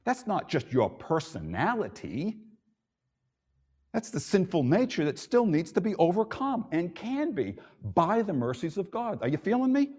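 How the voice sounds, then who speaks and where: A male pastor preaching a sermon, animated and conversational, with asides to his congregation. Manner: animated preaching, rising and dropping in pitch and loudness. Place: church sanctuary. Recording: long hall reverb.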